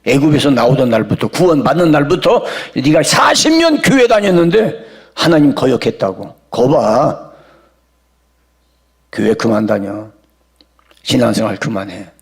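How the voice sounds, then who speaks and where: A man's voice: medium pitch, sing-song, normal speed, creaky, long pauses. A man playing a sneering, scornful devil. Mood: taunting. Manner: scornful, mocking. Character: sneering male devil taunting a believer.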